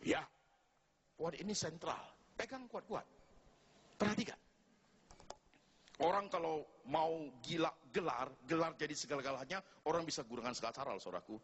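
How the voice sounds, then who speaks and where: A man's voice: a little high, normal speed, long pauses. A man preaching a sermon to his congregation, telling humorous stories and acting out the people in them. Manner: humorous, animated storytelling with mimicked voices. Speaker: pastor. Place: church.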